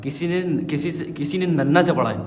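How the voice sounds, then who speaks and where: Man teaching a class, echoey hall. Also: on the high side. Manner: patient, coaxing, asks the class questions. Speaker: Quran reading teacher. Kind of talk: classroom Quran recitation lesson.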